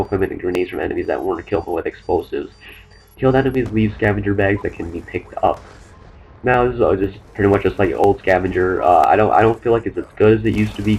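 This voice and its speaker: A young man commenting over his own gameplay, talking fast and rambling with many fillers and restarts. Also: low-pitched, darkish tone, slightly rough, rough recording. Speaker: gaming commentator.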